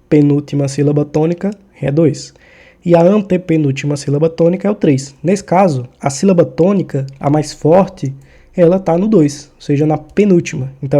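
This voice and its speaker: A man's voice: fairly high pitch, mellow. A man teaching a Portuguese grammar lesson for exam preparation, explaining accent rules in a casual style and checking in with the listener after each point. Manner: informal, checks in often with the listener.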